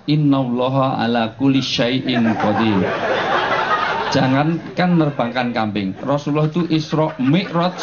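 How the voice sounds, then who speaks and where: A man giving a humorous sermon, telling jokes and chuckling often. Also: a little high. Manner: joking, animated storytelling with frequent chuckles. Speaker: preacher. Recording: dull, noisy live recording.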